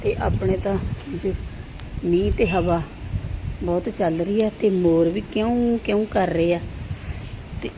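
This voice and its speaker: A woman's voice: steady tone, unhurried, long pauses. A woman chatting casually to viewers as a home vlogger, exclaiming and repeating words for emphasis. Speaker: family vlogger. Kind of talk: casual home vlog chat. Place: outdoors at a village home in a windstorm. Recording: very noisy outdoor wind and vehicle-like rumble.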